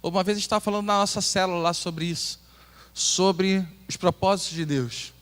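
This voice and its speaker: A Brazilian pastor with a Brazilian Portuguese accent, preaching an earnest sermon and asking the congregation questions. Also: male voice, high voice, steady tone, moderate pace, fairly bright tone, clean tone. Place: church hall. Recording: long hall reverb.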